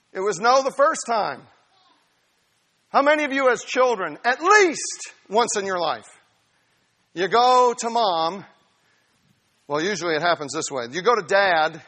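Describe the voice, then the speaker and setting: A male preacher giving a sermon, telling a Bible story with lively humor. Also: sits high. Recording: reverberant hall.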